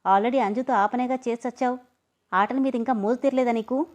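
A woman's voice: fairly high pitch, steady tone, fairly quick, a little mellow, lightly acted. A woman reading a story aloud, voicing a stubborn young woman who whines and protests shrilly. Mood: scolding.

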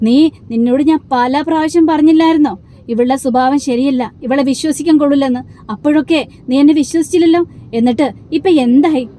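A woman's voice: high voice, fast talker, mellow, close to an everyday voice. A woman voicing a bitter woman who scolds and blames a young wife. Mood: scolding. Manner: scolding, blaming. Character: bitter, accusing woman of the family.

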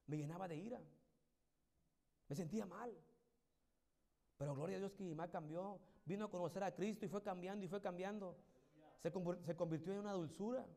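A middle-aged man preaching a sermon as pastor in a church, moving between loud, fervent exhortation and soft, intimate tones. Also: very high voice.

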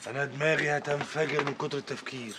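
A man's voice: on the high side, fairly even intonation, fast talker, noisy background, close to an everyday voice. An actor playing an anxious, pious eldest brother who mutters prayers and teases his wife, in Egyptian Arabic. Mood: fretful teasing. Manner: muttering prayers, then joking warmly. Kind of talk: film acting.

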